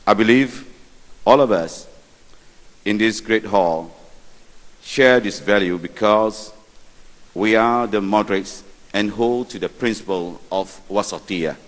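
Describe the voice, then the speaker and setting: Slow, measured man moderating in a hall. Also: fairly low pitch. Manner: measured, with light asides. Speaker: session moderator. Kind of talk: formal conference moderation. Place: large conference hall. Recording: reverberant hall.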